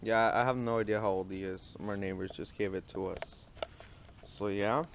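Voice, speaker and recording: Teen boy vlogger, low voice, rambling with food in his mouth, echoey bedroom, dull lo-fi phone sound. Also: steady tone, moderate pace, creaky, a little hiss or hum. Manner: rambling, talks with mouth full while eating. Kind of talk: casual home vlog. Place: bedroom at home.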